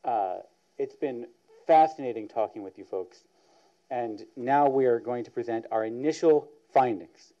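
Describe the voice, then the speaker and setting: A man opening a public presentation, laying out questions in a measured way. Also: medium pitch, warm tone. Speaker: panel moderator. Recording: dull lo-fi sound.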